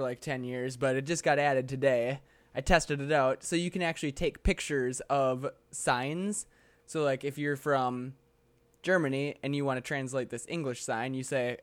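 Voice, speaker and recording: A man co-hosting a casual tech podcast, laid-back and joking, laughing often. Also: medium pitch. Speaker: podcast co-host.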